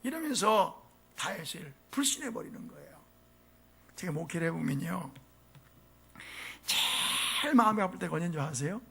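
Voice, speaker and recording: A man preaching a sermon as pastor, animated and often asking the congregation questions. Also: sits high, moderate pace, creaky, long pauses, slightly rough. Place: church sanctuary.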